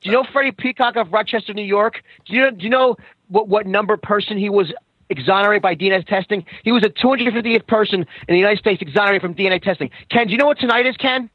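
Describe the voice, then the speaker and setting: A man co-hosting a podcast who calls in over a poor phone line that sounds like a payphone, asking deadpan questions and repeating his host's name before each one. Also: high-pitched, fast, no room sound. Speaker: podcast co-host. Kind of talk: deadpan running gag chat. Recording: dull lo-fi phone call.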